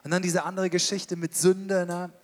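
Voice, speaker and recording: High-voiced man preaching a lively sermon. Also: moderate pace. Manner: colloquial, direct address to the congregation. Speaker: pastor.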